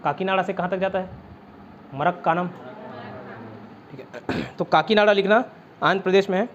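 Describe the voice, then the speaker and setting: Speaking at a moderate pace in a slightly bright, high voice, an Indian man with a Chhattisgarh Hindi accent teaches an online exam-prep class. He chats away, often says "theek hai," and quizzes students with mnemonics. A faint hiss sits behind the dull, lo-fi recording.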